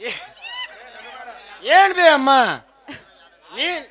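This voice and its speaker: A man's voice: very high-pitched, extremely slow, fairly bright tone, some chatter behind, exaggerated voice. A man playing a young merchant son about to leave on trade, in a folk stage play, with a North Karnataka Kannada accent and a pleading, respectful manner. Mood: earnest. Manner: pleading, addresses mother with "be amma".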